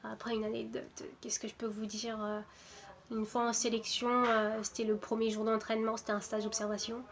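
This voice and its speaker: A woman in her twenties, from Portugal, a footballer introducing herself in a casual, hesitant way with many pauses and restarts. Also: on the high side, monotone, a little hiss or hum. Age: 20s. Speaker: footballer interviewed. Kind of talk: casual self-introduction to camera.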